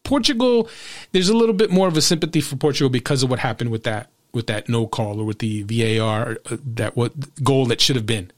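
A man's voice: medium pitch, lively intonation, fairly quick. A man hosting a soccer podcast, giving opinionated commentary in an emphatic, sarcastic way. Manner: emphatic and sarcastic, with frequent restarts. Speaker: podcast host.

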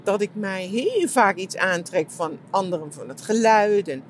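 A middle-aged woman talking reflectively about her retreat, soft and searching, with many fillers and restarts. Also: mid-range voice, lively intonation, a little slow, a little hiss or hum. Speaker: shiatsu practitioner and podcast host. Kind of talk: reflective personal monologue.

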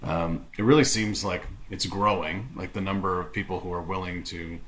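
A man's voice: deep voice, fairly even intonation, normal speed, a loud crowd. A man hosting a podcast interview, asking wordy, tentative questions in a conversational way.

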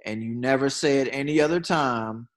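In a casual conversation, an earnest man with an ordinarily pitched voice restarts and repeats words while hunting for a thought. Then he speeds up into quick bursts.

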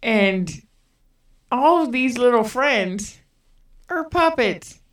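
Slow-talking woman, echoey room. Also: on the high side, lively intonation, distant mic. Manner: unhurried, rambling with fillers. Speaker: podcast co-host. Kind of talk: casual film retelling. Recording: roomy, away from the mic.

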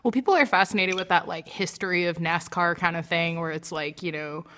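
Low-voiced woman from West Virginia. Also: fairly bright tone. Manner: quick, laughing asides. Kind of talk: casual podcast chat.

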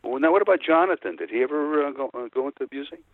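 Fast and fairly high-pitched with lively intonation, this older man's voice comes through a tinny, narrow-band phone line with crowd noise around it. A former band musician born in Texas and raised in Chicago, he reminisces casually as a guest, hesitant and rambling.

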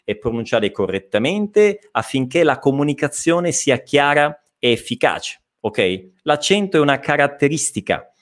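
A man's voice: a little high, very animated. An Italian man with an Italian accent, teaching a live online language lesson and explaining pronunciation patiently. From Italy. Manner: explanatory, repeats words slowly, reads chat questions.

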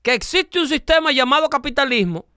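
A man's voice: extremely high pitch, animated, brisk, pushed and bright, no room sound, clean studio sound. A man hosting a talk show, explaining his views emphatically and acting out little dialogues as he goes. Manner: emphatic, lecturing, acts out dialogue. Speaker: show host. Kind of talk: opinionated talk show chat.

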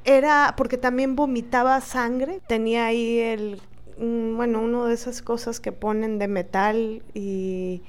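A woman with a Mexican accent telling a personal story in an earnest, halting, indignant way. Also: on the high side, darkish tone, clear, resonant tone. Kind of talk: personal account.

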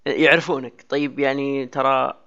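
A man co-hosting a casual gaming podcast, joking and chatting in quick banter. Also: medium pitch, little pitch movement, bright, forceful tone, clean tone. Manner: joking, fast banter with fillers. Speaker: podcast co-host. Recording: dull lo-fi sound.

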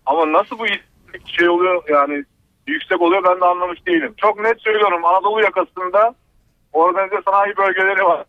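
A man's voice: sits high, quick pace, no echo. A man calling in to a radio show over a landline telephone, speaking emphatically and insistently. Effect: landline telephone line. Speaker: radio call-in caller. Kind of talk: call-in opinion. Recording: dry tinny phone line.

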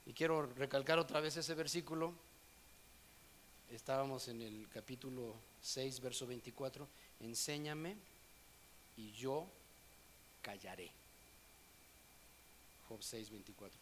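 A man preaching a sermon, telling stories with swings from hushed scripture reading to loud animated moments. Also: mid-range voice, takes it slowly, long pauses, slight background noise.

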